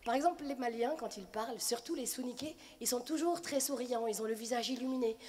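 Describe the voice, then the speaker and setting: A woman performing stand-up comedy, telling stories in a lively way. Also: on the high side, quick pace, roomy sound. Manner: lively, storytelling.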